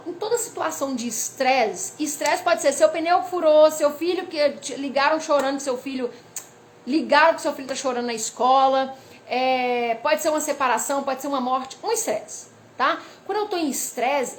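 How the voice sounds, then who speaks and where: Here a weight-loss educator, a woman with a high voice, talks casually to camera about hormones at normal speed. She reads notes with lively energy and often tosses in "né?" or "tá?". Faint noise sits behind her.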